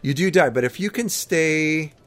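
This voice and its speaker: A man with a slightly high, fairly bright voice talks at normal speed and with plenty of expression. As a podcast co-host, he recounts gaming and explains things casually, with faint ambient noise in the recording.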